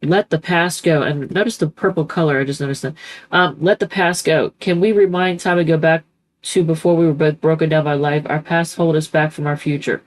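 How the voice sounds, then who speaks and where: Her voice is deep and steady and fairly quick, though the audio is poor. She has a cold that leaves her congested, and as a tarot reader doing a loose, casual reading she rambles, chats, and keeps backtracking with ums.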